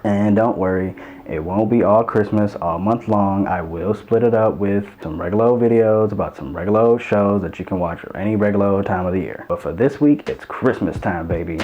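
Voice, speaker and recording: A man's voice: fairly low pitch, moderate pace, muffled recording. A man hosting a casual movie commentary show, chatty and playful, with casual swearing. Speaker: host.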